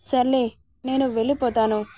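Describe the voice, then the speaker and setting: A woman's voice: a little high, level tone, normal speed, warm tone, dry recording, natural voice. A woman voicing a friendly young male college student who talks casually, in a dry recording.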